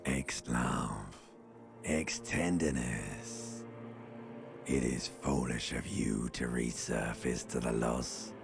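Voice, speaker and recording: Ancient lizard-brain game voice, sly and oily, slow, gravelly, coaxing. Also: male voice, steady tone, full character voice. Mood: coaxing, ominous. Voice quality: very deep gravelly rasp. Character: ancient male reptile-brain inner voice, sly, coaxing, seductive. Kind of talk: video game voice acting. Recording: music under the voice.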